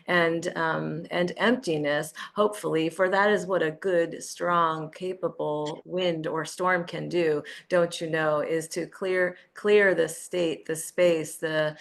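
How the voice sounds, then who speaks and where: A woman's voice: low-pitched, gravelly, a bit bright, heavily acted. A woman channeling a motherly earth spirit. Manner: affectionate, repetitive, flowing lists of verbs. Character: ancient motherly female earth spirit, gently teasing.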